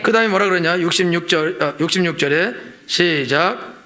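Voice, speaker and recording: A man's voice: high-pitched, fairly quick, pushed and bright. A middle-aged man preaching a Sunday sermon as senior pastor in a church, emphatic and rhetorical, repeating his points and acting out the complaints of his listeners. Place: church sanctuary.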